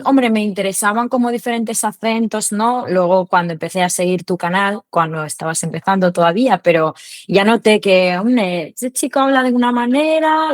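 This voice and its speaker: A woman speaking Spanish as a second language, answering interview questions in a relaxed, thoughtful way with many small fillers. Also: medium pitch, no room sound. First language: not Spanish. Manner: thoughtful, lots of fillers and self-corrections. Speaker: podcast guest. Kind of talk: casual interview chat.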